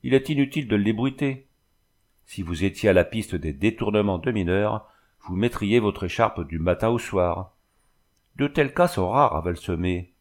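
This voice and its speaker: Guy reading a kind old-school village priest, coaxing and firm, lowish voice, audiobook. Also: lively intonation, normal speed. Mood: persuading. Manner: coaxing, paternal scolding. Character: kindly middle-aged village priest, gently firm.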